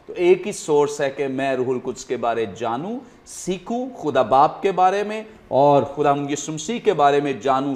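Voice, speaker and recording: A man's voice: on the high side, a little mellow. A man hosting a studio talk show, explaining earnestly and often using fillers. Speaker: host.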